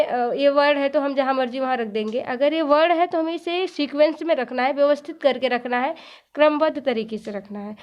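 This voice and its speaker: A woman with a high voice explains a lesson step by step. She keeps asking rhetorical questions and answers them herself, repeating each point. The recording sounds dull and lo-fi. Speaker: teacher.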